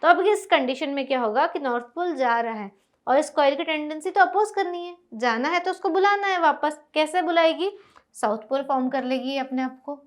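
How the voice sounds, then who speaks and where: A woman teaching a school science lesson, explaining step by step and often asking whether it is clear. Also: high-pitched, moderate pace. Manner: explains step by step, asks checking questions. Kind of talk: classroom lecture on a whiteboard.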